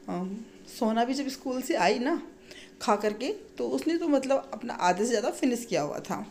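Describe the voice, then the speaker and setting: A woman's voice: a little high, darkish tone. Chatty woman vlogging from her kitchen. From India. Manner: chatty, frequent filler "ना". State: sore throat, unwell. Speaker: vlogger and mother. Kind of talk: casual vlog narration. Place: home kitchen.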